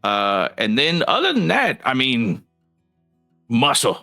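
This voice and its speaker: A man voicing a fussy, warm guild leader who rambles with many hesitations and folksy turns of phrase. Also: medium pitch, huge pitch swings, takes it slowly, faint music behind, pitched above the performer's own voice, heavily acted. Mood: earnest.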